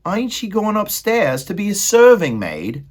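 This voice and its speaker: A man putting on a shrill, whiny serving girl. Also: wildly swooping pitch, unhurried, husky, heavily acted. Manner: high, shrill, whining, coarse speech. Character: dim, weepy young serving girl, coarse and stubborn.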